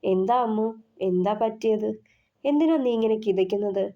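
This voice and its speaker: A woman reading the part of a sharp-tongued young female college friend, sarcastic and prying. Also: mid-range voice, normal speed, highs cut off, close to an everyday voice.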